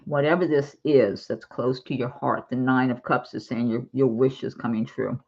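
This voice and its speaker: A woman giving a chatty, casual tarot reading to her viewers, reassuring and quick to giggle. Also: extremely low pitch, fairly even intonation, breathy edge, muffled recording. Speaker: tarot reader.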